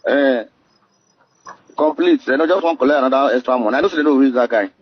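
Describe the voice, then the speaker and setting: A man's voice: medium pitch, fast talker, breathy edge. A man with a Nigerian accent, heard in a played-back phone voice message, talking insistently and repeating words in casual chat. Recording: dull phone voice note.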